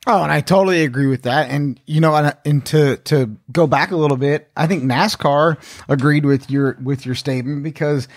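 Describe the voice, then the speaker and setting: A fairly high-voiced man co-hosting a podcast, laying out his points one step at a time and agreeing easily. The sound is dry and close, with no room echo. He talks in an easygoing, conversational way. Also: normal speed, few pauses. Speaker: podcast co-host. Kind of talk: casual chat.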